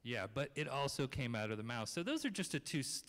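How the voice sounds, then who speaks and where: Seated on the chancel steps of a large church sanctuary, a man in his thirties gives a children's sermon into a handheld microphone, talking casually and asking the kids questions. His mid-range, slightly bright voice swings widely in pitch and runs a little fast. The hall's long reverb is audible.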